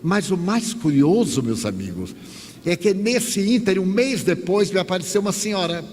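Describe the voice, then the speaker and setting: A man's voice: high voice, moderate pace. Older Bahian man telling a lecture story. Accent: Bahian Portuguese. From Bahia, Brazil. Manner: animated, wry anecdotal narration. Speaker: spiritist lecturer. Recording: echoey hall, faint noise.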